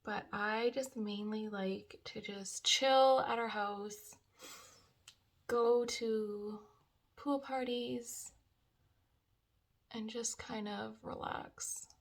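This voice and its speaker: A woman's voice: on the high side, fairly even intonation, very slow, pauses often. A young woman chatting casually through a makeup tutorial, gushing about products with lots of fillers. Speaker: beauty vlogger.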